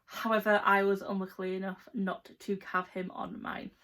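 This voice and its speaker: Speaking at normal speed with a flat delivery and a somewhat bright, medium-pitched voice, a young English woman gives a casual to-camera chat as a book vlogger, rambling a bit to her viewers.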